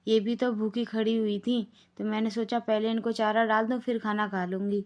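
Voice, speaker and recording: A meek, selfless young daughter-in-law in a cartoon family, voiced by a woman. Her voice sits a little high and sounds patient. She reassures others gently and never pushes back. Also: little pitch movement, moderate pace, highs cut off, natural voice. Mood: gentle. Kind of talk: Hindi cartoon voice acting.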